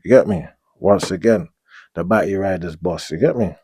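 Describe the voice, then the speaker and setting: A young man in his twenties with a London street accent, telling a long prison story in relaxed slang, often checking in with "you get me?". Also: sits low, moderate pace, husky, dry recording. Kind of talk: storytelling monologue.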